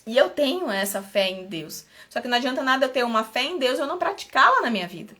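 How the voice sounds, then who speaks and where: A woman's voice: high voice, big pitch swings, fast, bright, forceful tone. A woman from Brazil, a mentor giving an earnest, personal motivational talk on a live stream, often repeating and restarting her phrases.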